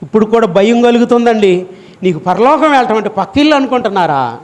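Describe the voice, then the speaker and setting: A man preaching a fiery, scolding sermon as pastor, voice climbing to shouts. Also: high-pitched, animated, quick pace. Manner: scolding, emotional, rises to shouting; acts out congregation members in quoted asides.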